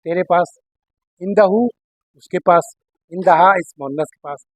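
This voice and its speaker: A man's voice: sits high, a little mellow, breathy edge, no room sound, muffled recording. A man teaching Arabic grammar, explaining step by step and often checking that his students follow. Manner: explains step by step, checks understanding with "theek hai na". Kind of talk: classroom lesson explaining Arabic in Urdu.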